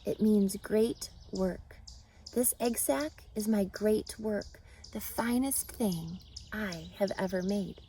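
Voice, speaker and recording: A woman voicing a gentle, wise, aging female spider in a storybook, weak and soft, speaking in measured, articulate phrases. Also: mid-range voice, a little hiss or hum. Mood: weary pride.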